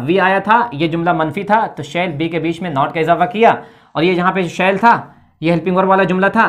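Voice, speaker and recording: A woman with a somewhat low voice teaches a grammar lesson at a board. She explains methodically, pausing after each step to check in, and spells words out letter by letter. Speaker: English teacher. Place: indoor classroom with a board.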